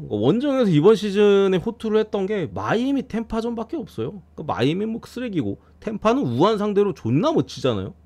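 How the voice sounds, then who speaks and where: Guy streaming baseball picks, kinda high voice that jumps around a lot, blunt, swears a bunch. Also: warm tone. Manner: blunt, swears often, grumbles at players. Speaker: baseball betting analyst streamer. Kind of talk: casual streamed game preview.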